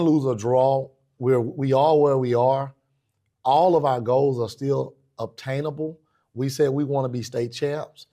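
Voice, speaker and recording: A man's voice: medium pitch, mellow. An American man, a basketball coach, answering casually in a sports interview and repeating phrases as he thinks.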